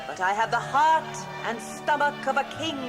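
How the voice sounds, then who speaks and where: A woman's voice: sits high, animated, normal speed, over music. An actress playing a regal, commanding English queen in a children's historical drama, declaiming in an English accent. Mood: rousing. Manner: stately, declamatory, imperious.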